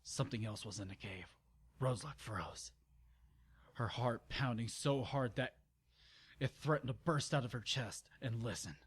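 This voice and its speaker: A man of medium pitch with a breathy edge reads at a moderate pace, acting as narrator and host of the channel. His amateur telling of a dramatic story is informal and stumbling, peppered with exasperated sarcasm.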